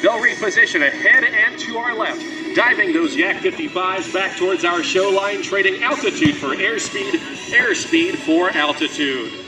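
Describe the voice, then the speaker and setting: A man announcing an airshow in scripted commentary, with a dramatic showman delivery and drawn-out phrase endings. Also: sits high, lively intonation. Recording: loud music, distant outdoor PA sound.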